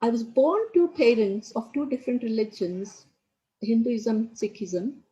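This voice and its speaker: A woman's voice: fairly high pitch, animated, unhurried, mellow, muffled recording. A woman raised in India, leading a community project, giving an earnest speech at a launch event and leaning on "you know" fillers.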